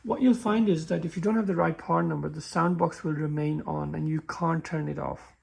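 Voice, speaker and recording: A man walking through a car repair in a halting, casual way, often stumbling and restarting his sentences. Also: fairly high pitch, steady tone, creaky, darkish tone, slightly rough. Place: workshop with a work table.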